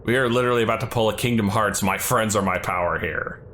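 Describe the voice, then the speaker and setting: A man's voice: on the low side, fast, fairly bright tone, a little hiss or hum. A man doing casual let's play commentary, with informal, slangy asides. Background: game music behind the voice.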